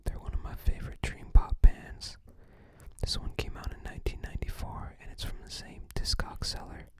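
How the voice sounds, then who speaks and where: An ASMR creator presents items in a quiet, breathy whisper; the pace is relaxed and the delivery comes in hesitant bits.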